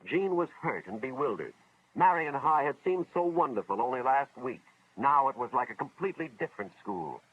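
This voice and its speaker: Lightly acting, an American man speaks as an earnest school official narrating a 1950s educational film, moralizing through a dramatic story. He uses a medium pitch with a sing-song quality at normal speed. Slight background noise sits on a dull vintage soundtrack with music behind.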